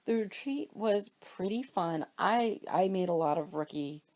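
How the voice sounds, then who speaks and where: A woman from Pennsylvania, congested and sniffly with a cold, chats a little slowly in a medium-pitched, expressive, slightly mellow voice. As a cross stitch vlogger doing casual show-and-tell at home, she rambles self-deprecatingly about her stitching purchases while a camera or phone films the fabrics, with her off screen.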